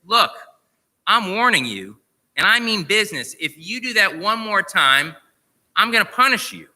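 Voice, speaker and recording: A man's voice: high voice, animated, measured pace, pushed and bright, heavily acted. A man playing an exasperated pet owner sternly scolding his cursing parrot, his voice pushed up and raised. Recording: long reverb of a large hall.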